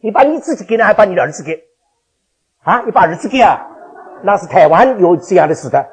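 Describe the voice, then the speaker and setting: An older man preaching a sermon to his congregation as their pastor, animated and chuckling as he fires questions at the listeners. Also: sits high, fast talker, husky. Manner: animated, quizzes the congregation with questions, laughs often. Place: church.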